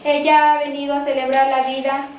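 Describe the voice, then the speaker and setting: A Mexican woman leading the prayers and readings at a mass, reciting in a measured, even way in a church. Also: high voice. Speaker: prayer leader at a quinceañera mass. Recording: echoey church from far off, faint noise.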